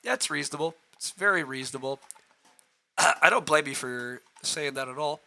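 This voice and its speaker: On a live stream of a board game, a man with a hoarse, roughened voice walks through his moves, reasoning aloud and responding to viewer comments. His pitch sits fairly high and his pace is moderate, with a bright, edged tone and the occasional throat-clearing.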